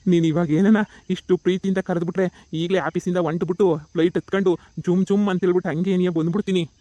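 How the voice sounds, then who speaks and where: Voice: mid-range voice, level tone, quick pace, dark tone, no echo, close to an everyday voice. A performer voicing a boastful middle-aged father-in-law in a cartoon comedy, with an eager, playful way of talking. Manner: boastful and eager, full of playful sound words.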